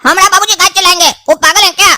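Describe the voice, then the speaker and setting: Kala Kaddu: a woman doing a shrill, rude young man. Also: fairly even intonation, very fast, no room sound, studio quality, full character voice. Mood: insulting. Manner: rude, shouting insults. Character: rude hot-headed young man, the elder son. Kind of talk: cartoon voice acting.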